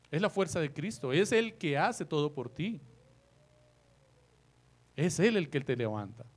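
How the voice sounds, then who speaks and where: A man with a slightly high voice preaches a sermon, posing rhetorical questions to his listeners. He slows to repeat key lines for emphasis and moves between soft remarks and loud, emphatic phrases.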